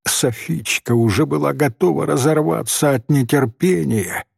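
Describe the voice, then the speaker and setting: Husky, creaky male storyteller. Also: fairly high pitch, moderate pace, a little mellow, no room sound, studio quality. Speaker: audiobook narrator. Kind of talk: scripted story narration.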